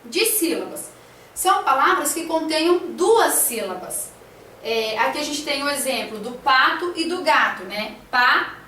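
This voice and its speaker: A woman's voice: high voice, expressive, unhurried, bright, forceful tone, roomy sound, distant mic, slight background noise. A woman teacher talking through a classroom lesson plan, hesitant, with many fillers and tag questions.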